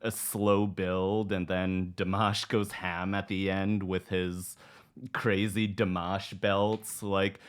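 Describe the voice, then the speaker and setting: Croaky, low-pitched man, casual reaction host. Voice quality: croaky, vocally strained. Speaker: music reaction host, former performer.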